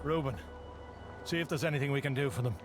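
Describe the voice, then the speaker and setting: A man's voice: mid-range voice, fast, natural voice. A man voicing a weary, stern male expedition commander in a game, firm and authoritative. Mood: commanding. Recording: game audio with clear music behind.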